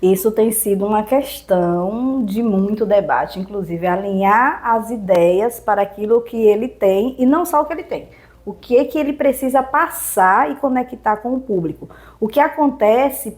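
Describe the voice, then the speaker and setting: Female speaking coach, Brazilian accent, slightly high, didactic and rhetorical. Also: a little mellow. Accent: Brazilian Portuguese. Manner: didactic, lists points and poses rhetorical questions. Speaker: communication and public speaking trainer. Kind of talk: explanatory interview answers.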